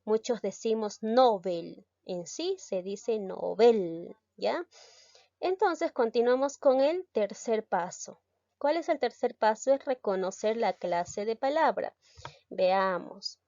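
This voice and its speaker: A woman's voice: on the high side, lively intonation, slow pace, darkish tone, no room sound. A woman teacher explaining grammar rules step by step, posing rhetorical questions as she goes. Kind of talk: recorded grammar lesson. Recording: dry, slightly dull recording.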